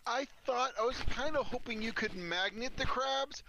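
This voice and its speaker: A man playing a tabletop game over voice chat on a headset, talking quickly and considerately. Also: very high-pitched, noisy background. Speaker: player.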